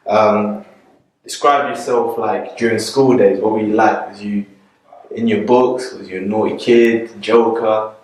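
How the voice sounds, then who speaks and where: Low-voiced man interviewing in an echoey street. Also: fairly even intonation, unhurried. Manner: laid-back, short affirmations. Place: outdoors on a street. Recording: echoey, from far off.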